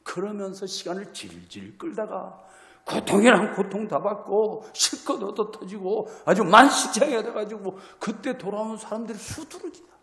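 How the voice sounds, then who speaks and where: A male pastor preaches with a high, lively voice that swings far up and down. His delivery is dramatic, and he acts out the scripture he reads. The sound is recorded in a church hall, roomy and echoing, with a long reverb tail. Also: moderate pace. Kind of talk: sermon.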